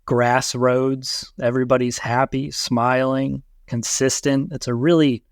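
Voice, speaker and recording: A man's voice: medium pitch, little pitch movement, unhurried, dry recording, clean studio sound. A man co-hosting a podcast, discussing a film in casual, thoughtful commentary. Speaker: podcast co-host.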